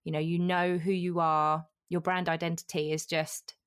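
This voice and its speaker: A woman's voice: fairly low pitch, level tone, normal speed, smooth, no echo, studio quality. A woman hosting a podcast interview in an effusive, encouraging, conversational way. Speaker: podcast host.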